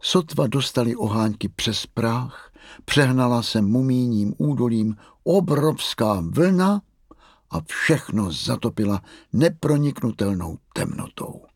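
A man narrating a children's storybook in an expressive, lively way. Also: mid-range voice, creaky, breathy edge, no echo, studio quality. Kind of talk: storybook reading.

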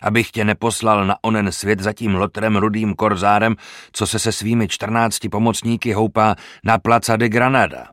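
A man's voice: on the low side, flat delivery, a bit bright, no room sound, clean studio sound, natural voice. A man doing a blustering Spanish count. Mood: scornful. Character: boastful pompous Spanish nobleman swordsman.

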